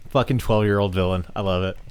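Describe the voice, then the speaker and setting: A man's voice: low-pitched, steady tone, quick pace, smooth, dry recording. Teasing, chatty man on a dry mic. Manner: teasing, chatty, swears freely. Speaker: podcast co-host. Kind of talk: casual chat.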